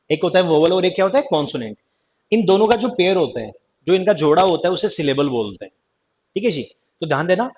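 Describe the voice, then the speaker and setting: A man's voice: on the high side, darkish tone. A male teacher runs a live online grammar class in a slightly raised voice. He keeps teasing his students and calling them back to attention. The audio sounds dull and lo-fi. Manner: teasing, chatty, keeps repeating "ध्यान देना" and "ठीक है जी". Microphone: online class stream mic.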